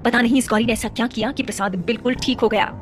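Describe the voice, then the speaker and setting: A woman's voice: fairly high pitch, quick pace, natural voice. A woman voicing a resentful, jealous young woman of a royal family, bitter and defensive.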